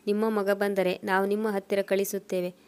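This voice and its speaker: A woman's voice: medium pitch, little pitch movement, moderate pace, natural voice. A woman voicing a male policeman who speaks reassuringly to a distressed mother.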